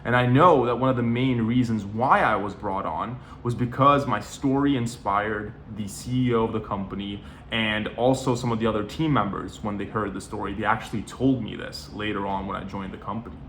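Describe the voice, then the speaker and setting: A man's voice: fairly low pitch, fairly quick, few pauses, fairly bright tone, a little hiss or hum. Young man, conversational advice. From Norway. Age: 20s. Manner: conversational, with frequent "you know" and "like". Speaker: sales coach. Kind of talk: casual talking-head advice. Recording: roomy echo.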